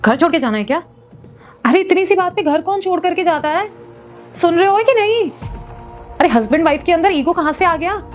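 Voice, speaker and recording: A woman's voice: very high-pitched, expressive, fairly quick, long pauses. A woman playing a hot-tempered young wife in a short domestic drama, who scolds, justifies herself and pleads. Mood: pleading, scolding. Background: faint background music.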